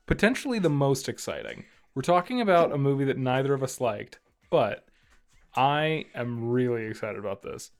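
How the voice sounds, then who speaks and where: A podcast co-host chats casually, his mid-range voice animated and moderately paced. He rambles loosely and laughs often.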